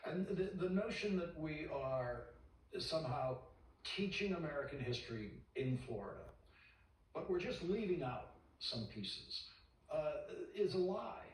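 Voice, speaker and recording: A man hosting a television news interview, introducing and questioning a guest in a measured, emphatic way. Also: a little high, lively intonation. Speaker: TV news host. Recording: echoey and distant.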